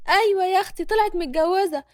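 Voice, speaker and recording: Woman narrator as a gossiping Egyptian neighbor woman in a storybook, quick and nosy. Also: very high voice, no room sound, studio quality, pitched above the performer's own voice. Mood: gossipy. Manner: gossipy, animated.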